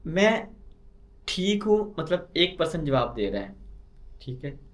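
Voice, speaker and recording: Slow, patient male teacher. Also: a little high, very animated. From Pakistan. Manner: repeats key points and asks himself questions. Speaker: language teacher. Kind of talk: slow explanatory lesson.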